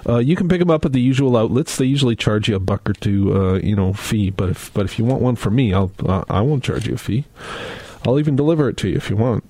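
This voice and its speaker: A man's voice: mid-range voice, warm tone. A man hosting a folk radio show, talking casually with lots of fillers and restarts. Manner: rambling, many filler words and restarts. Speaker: radio host. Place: radio studio.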